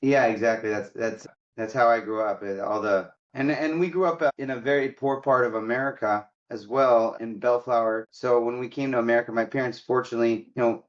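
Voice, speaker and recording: A man's voice: mid-range voice, steady tone, brisk, hardly any pauses, muffled recording. A man born in Egypt who grew up in America, a guest in a business interview, telling his life story in a candid, chatty way with fillers. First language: Arabic. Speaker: guest, mortgage company CEO. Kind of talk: casual interview talk.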